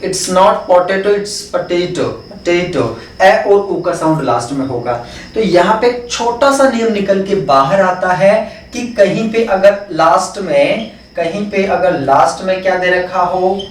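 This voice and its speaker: A man teaching an exam-prep phonetics lesson with an Indian English accent, explaining step by step and answering his own questions. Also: sits high. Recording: echoey room, mic far off.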